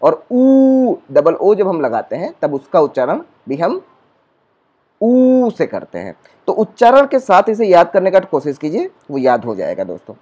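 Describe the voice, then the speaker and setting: A male school teacher with an eastern Uttar Pradesh Hindi accent, giving a patient whiteboard lesson that repeats points, asks rhetorical questions and stretches sounds slowly. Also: sits high, huge pitch swings, dark tone, slightly rough, muffled recording.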